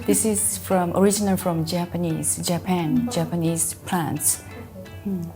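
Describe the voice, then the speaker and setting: A woman interpreting, speaking halting English with many fillers. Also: fairly low pitch, steady tone, music in the background. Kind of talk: interpreting in casual chat.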